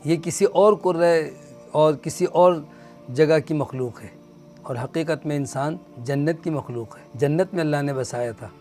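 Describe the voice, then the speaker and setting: Man, religious lecture, earnest explaining, slightly raised pitch, soft music behind. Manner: earnest, explanatory, recites Arabic verses slowly. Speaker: Quran teacher.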